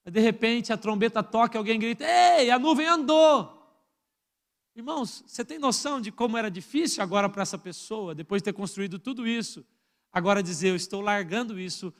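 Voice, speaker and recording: A high-pitched male pastor from Brazil preaching a sermon in church. He swings from loud, ringing exclamations down to hushed, personal asides as he addresses his congregation.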